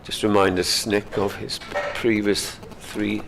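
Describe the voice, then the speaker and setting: A man with a gravelly voice giving live cricket commentary in an unhurried, conversational way. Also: lowish voice, flat delivery, noisy background.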